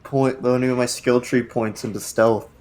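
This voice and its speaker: A young man riffs loosely with his friends, spinning out a joking, rambling plan. His voice sits at an ordinary middle pitch and keeps an easy conversational flow. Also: steady tone, moderate pace, darkish tone. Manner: joking, rambling, often laughing. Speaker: podcast co-host. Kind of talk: casual chat.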